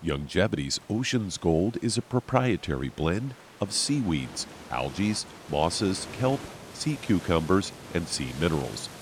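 A man's voice: low voice, sing-song, a little slow, hardly any pauses, slight background noise. A male radio announcer giving a polished, scripted promotional read.

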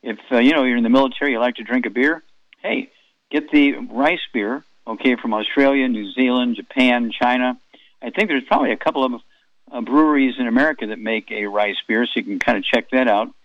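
A man's voice: medium pitch, brisk, dry recording, highs cut off. Folksy rambling man in his eighties. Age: 80s. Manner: folksy, rambling, chatty asides. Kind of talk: rambling health talk.

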